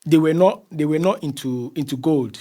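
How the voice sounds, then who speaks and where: A man from Ghana, speaking with a Ghanaian accent, appears as an interview guest and explains things conversationally, often repeating phrases while searching for words. His voice is fairly high-pitched and mellow, at a moderate pace.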